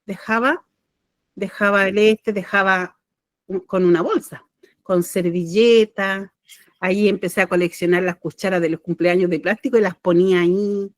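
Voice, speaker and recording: A middle-aged woman with a Chilean accent, a spiritual channeler and podcast host, shares a personal story. Her mid-range voice holds a steady tone at a moderate pace, recorded cleanly in a studio without echo, and she rambles heartfeltly, correcting herself as she goes.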